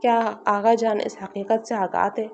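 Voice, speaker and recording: A woman reads a romance novel aloud in a steady, expressive storytelling voice. Her pitch sits in an ordinary middle range. The recording is slightly muffled and lo-fi. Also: a little hiss or hum. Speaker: narrator. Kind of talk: scripted novel narration.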